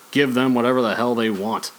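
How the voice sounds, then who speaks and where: A podcast host with a mid-range, steady voice talks at normal speed about sports and movies, casual, rambling, and opinionated. The recording quality is low.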